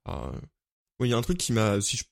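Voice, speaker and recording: A man's voice: on the low side, huge pitch swings, fast talker, gravelly. A man co-hosting a podcast, chatting casually with the others. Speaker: podcast co-host. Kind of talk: casual chat.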